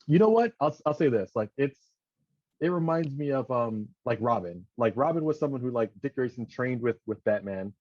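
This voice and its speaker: A man in casual podcast chat, talking in an animated, rambling way with many restarts. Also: mid-range voice, normal speed, no echo. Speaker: podcast co-host. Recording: dull lo-fi dry sound.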